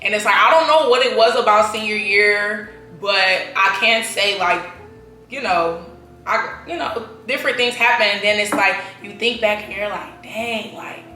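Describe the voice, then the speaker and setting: A twenty-three-year-old woman chatting casually as a guest, halting and full of fillers. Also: medium pitch, pushed and bright, reverberant, soft background music, poor audio. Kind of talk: casual chat.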